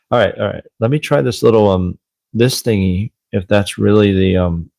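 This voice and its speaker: A man with a low, gravelly voice talks casually and self-deprecatingly as he hosts a livestream. He reads passages from a handbook between asides. The sound is dry and close on a desk mic that clips a little. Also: unhurried, dark tone, dry recording, rough recording. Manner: chatty and self-deprecating, fiddling with audio gear. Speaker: host, former Marine Corps religious lay leader. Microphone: desk microphone with gain control.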